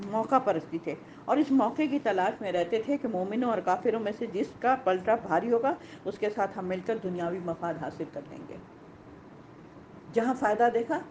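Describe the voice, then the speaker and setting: A woman teaching a Quran lesson to women, animated, asking rhetorical questions and repeating key points. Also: mid-range voice, slight background noise, rough recording.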